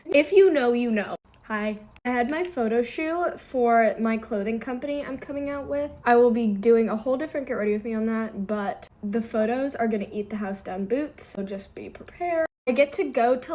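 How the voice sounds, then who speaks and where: A young woman in her twenties chatting through a get-ready-with-me vlog at her vanity, peppering every sentence with "like". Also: high-pitched. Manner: sings snippets of songs softly. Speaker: social media creator. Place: bedroom vanity at home.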